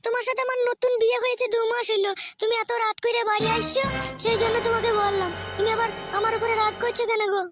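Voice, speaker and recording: A woman voicing a lonely, pleading young newlywed wife who coaxes her husband in a whiny, drawn-out voice. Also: very high-pitched, level tone. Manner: whiny, coaxing, drawn-out pleas. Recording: loud background music.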